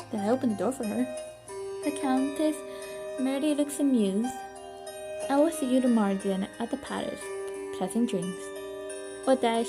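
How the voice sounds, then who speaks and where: A woman streaming a story game live, reading the narration aloud and making casual asides. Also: on the high side.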